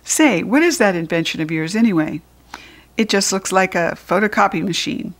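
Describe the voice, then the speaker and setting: A woman voicing a cheeky, bold schoolboy prankster in a children's storybook, playful and excitable. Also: mid-range voice, moderate pace.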